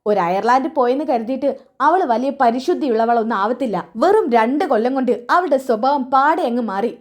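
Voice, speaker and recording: A woman's voice: sits high, animated, fairly quick. A woman reading a bitter young man. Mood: resentful.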